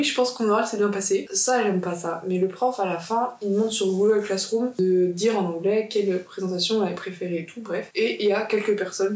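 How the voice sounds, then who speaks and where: A woman's voice: medium pitch, a little mellow. A young woman in her twenties from France chatting casually in a vlog, rambling and correcting herself as she goes. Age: 20s. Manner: rambling, self-correcting, quick asides. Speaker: student vlogger. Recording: echoey room.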